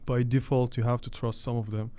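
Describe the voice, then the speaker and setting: Smooth, mellow man giving life sayings. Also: medium pitch, flat delivery, fairly quick. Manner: gives motivational sayings, asks and answers himself. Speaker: radio show co-host. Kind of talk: casual chat.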